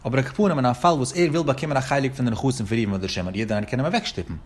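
A man teaches a legal text at a quick clip, laying out each case in turn. His voice is husky and a little breathy. He talks in a sing-song lecturing cadence that rises and falls through each point. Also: mid-range voice. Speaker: Talmud teacher.

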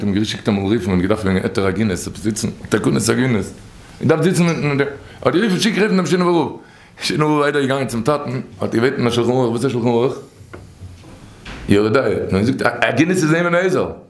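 A man telling stories from religious teachings in an informal, animated way, his voice leaping high and then dropping low. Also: creaky, a little hiss or hum. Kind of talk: informal storytelling talk. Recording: echoey room.

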